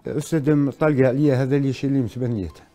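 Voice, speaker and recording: A man's voice: medium pitch, rapid-fire, dark tone, soft background music. A middle-aged man with an Algerian accent, a talk show guest recounting a personal grievance in clipped, repetitive, stumbling phrases. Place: TV studio.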